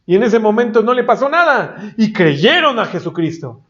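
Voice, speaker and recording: A man preaching a sermon, emphatic and rising into loud exhortation. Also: high voice, sing-song, normal speed. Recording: dull lo-fi recording.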